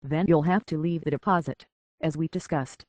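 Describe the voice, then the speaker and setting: Here a man voices a video game's robot butler and hotel concierge, a courteous, anxious figure with a British accent. The voice is a little high and darkish, with fairly even intonation, moderate pace, light acting, and no echo. The scripted character comes across as prim, officious, formal, and fussily polite.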